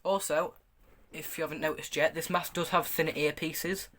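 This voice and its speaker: Man, slightly high pitch, bright forceful tone, casual show-and-tell review, hesitant stop-start delivery. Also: fairly even intonation, normal speed. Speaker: gas mask reviewer. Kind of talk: casual product review, showing items to camera.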